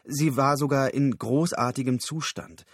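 An earnest, awkward researcher speaks in terse, factual sentences, as a male reader voices him. His voice sits at an average male pitch and sounds dry and close to the mic. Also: a little slow, slightly rough, no room sound.

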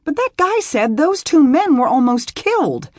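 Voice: sits high, very animated, moderate pace, a little mellow, no room sound, studio quality, pitched above the performer's own voice. Narrator voicing a frightened, headstrong young woman. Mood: anxious pleading. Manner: anxious, pleading.

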